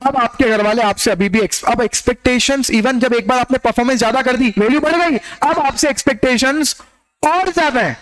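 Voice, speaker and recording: A man with a high voice lectures a class as an exam coach. He teases his students and keeps throwing rhetorical questions at them, like a classroom talk. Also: brisk, fairly bright tone, a little hiss or hum. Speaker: exam-prep teacher.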